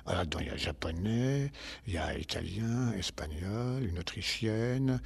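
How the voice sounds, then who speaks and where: An older man, a stage actor, answering interview questions in a rambling, halting way with many restarts. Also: low-pitched, animated, creaky, husky.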